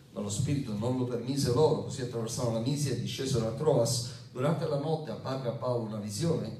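Here the pastor's voice sits on the low side and sounds warm, with a bit of hiss or hum on the recording. He reads scripture, throws in joking asides, and gets the congregation to repeat lines back in a call-and-response style. Captured from afar in a hall with plenty of echo.

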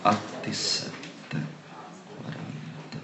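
A man preaching a sermon, reading Bible passages aloud and stressing the key words with emphatic, animated delivery. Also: drawn-out words, a loud crowd. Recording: echoey room with faint background noise.

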